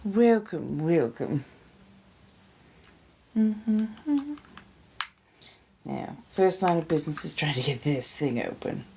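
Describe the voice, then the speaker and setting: A woman with a low voice that swings widely in pitch hosts a casual livestream. She talks in an unhurried, theatrical way, full of affectionate greetings. She often chats between bites and sips. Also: expressive, vocal fry, dark tone, a little hiss or hum. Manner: theatrical, effusive, with affectionate pet-name greetings; eating and sipping while talking. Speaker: livestream host. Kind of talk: casual livestream chat to viewers.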